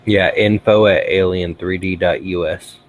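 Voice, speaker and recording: Tired, slow-talking male streamer. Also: sits low. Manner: relaxed, rambling, sighs often. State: tired, yawning. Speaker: livestream host. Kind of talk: casual livestream chat.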